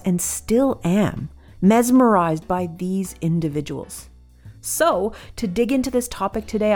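A woman hosting a podcast, introducing her guests in a bubbly, playful way. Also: a little high. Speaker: podcast host. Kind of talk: podcast intro and casual chat.

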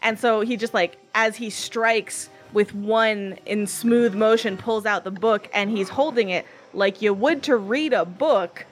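A woman running a live-streamed tabletop game as game master, quick and laughing often. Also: medium pitch, fairly even intonation, faint music behind.

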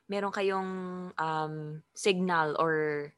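A woman's voice: deep voice, steady tone, drawn-out words, a bit bright, clear, resonant tone. A woman hosting a casual chat, asking thoughtful, hesitant questions and rephrasing as she goes. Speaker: host.

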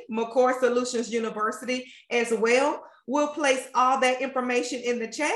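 Woman podcast host, high voice, preachy prayer rhythm, kinda echoey room. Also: a bit bright. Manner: fervent, preacherly cadence. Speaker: podcast host and marketing strategist. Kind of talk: faith-based podcast chat and prayer.

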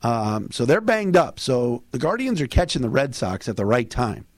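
Hoarse man hosting a sports podcast. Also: medium pitch, very animated, moderate pace, no echo. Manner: colloquial, punchy short sentences. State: hoarse, losing his voice. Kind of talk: casual baseball commentary.

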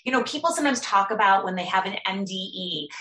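Woman guest, earnest storyteller, halting delivery, bright tone, roomy echo. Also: medium pitch, lively intonation. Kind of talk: personal storytelling in an interview.

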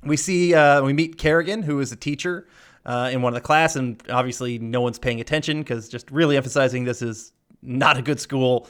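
This co-host's voice is medium in pitch, clean-toned and fairly even, moving a little fast. In a relaxed podcast chat he meanders through a movie's scenes, playfully quoting lines, sometimes laughing or swearing.

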